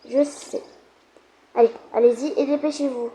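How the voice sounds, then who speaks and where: A woman voicing a kindly female orphanage director who gives slow, gently bossy instructions in a children's role-play game. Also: high voice, steady tone, slight background noise, natural voice. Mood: instructing.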